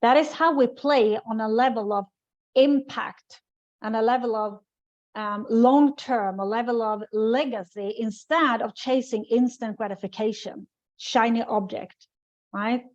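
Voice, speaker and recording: A Swedish-born business coach teaches a webinar in a slightly high, darkish voice, speaking a little slowly. She's emphatic, repeats her main points, and checks in with "right?", all in dull, lo-fi webinar-style audio.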